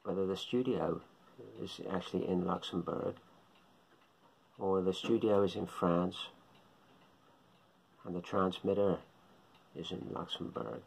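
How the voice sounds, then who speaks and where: A middle-aged man who vlogs about shortwave radio chats casually to camera in a small living room, rambling, musing aloud and repeating himself. His voice is low, unhurried, creaky, a little mellow and slightly rough, with frequent pauses. The audio is poor, picked up at close range by a phone or webcam.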